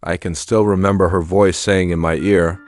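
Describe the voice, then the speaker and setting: A man narrating a first-person horror story in a steady, plain recounting manner. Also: deep voice, moderate pace, faint music behind.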